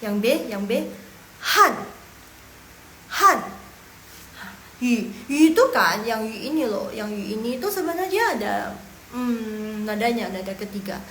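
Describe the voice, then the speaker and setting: A woman's voice: fairly high pitch, lively intonation, moderate pace, fairly bright tone. A woman teaching a live online Mandarin lesson in a chatty, playful way, asking questions and answering them herself. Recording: echoey room with faint noise.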